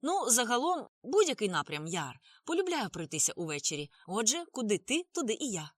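A woman's voice: a little high, sing-song, fairly quick, no echo, clean studio sound, voice pushed up. A woman voicing a cheerful, chatty young Indian man who rambles enthusiastically. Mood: eager.

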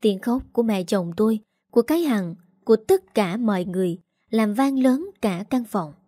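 Female storyteller, mellow tone, dry close mic, sorrowful measured delivery. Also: a little high, expressive, dry recording. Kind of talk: scripted first-person narration.

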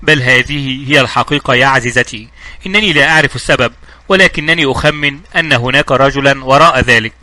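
A man reading the lines of a sardonic, suspicious male adventurer in a calm, mocking tone. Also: mid-range voice, quick pace, dry recording. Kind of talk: audiobook dialogue reading.

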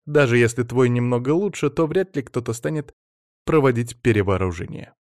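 A man voicing a gruff, sarcastic female soldier in an audiobook, grumbling and rude. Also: mid-range voice, a little fast, a little mellow, no echo, studio quality, pitched above the performer's own voice, lightly acted. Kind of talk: audiobook reading.

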